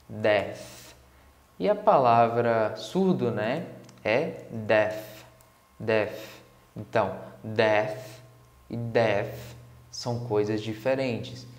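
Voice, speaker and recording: A man who speaks Portuguese as his first language is teaching English. He reads each line slowly and carefully, with a medium pitch. His voice rings in a roomy, echoey space. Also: darkish tone. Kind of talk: guided reading lesson, slow read-aloud. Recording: echoey room.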